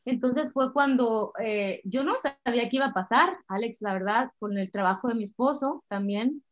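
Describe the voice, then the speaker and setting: A middle-aged Mexican woman, a singer, chatting warmly and emotionally in an interview. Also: fairly high pitch, moderate pace. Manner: warm, chatty, emotional storytelling. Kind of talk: casual interview chat. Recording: slightly dull lo-fi sound.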